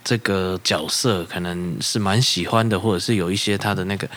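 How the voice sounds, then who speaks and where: Casting: Taiwanese-accented man, lower register, casual podcast talker who repeats himself while working out a point. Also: fairly even intonation, a bit bright. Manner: halting, repeats words while explaining. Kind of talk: casual chat.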